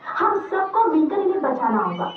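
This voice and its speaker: A woman's voice: sits high, very animated, normal speed, a faint crowd, slight background noise. A woman acting as a concerned young wife who speaks earnestly and soothingly, recorded far from the mic in an echoey room. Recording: echoey room from far off, tinny phone-like sound.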